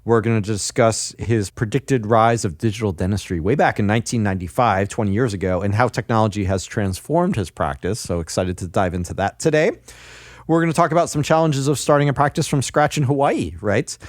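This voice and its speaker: A man's voice: lowish voice, a little fast, no room sound, clean studio sound. A man hosting an interview podcast, upbeat and jokey, laughing often in casual chat. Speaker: podcast host. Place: hotel.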